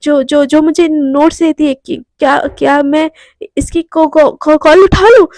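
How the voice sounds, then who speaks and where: A woman's voice: extremely high pitch, normal speed, dark tone, dry recording, clean studio sound. A woman voicing a nervous young college woman who stammers and repeats words. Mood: flustered.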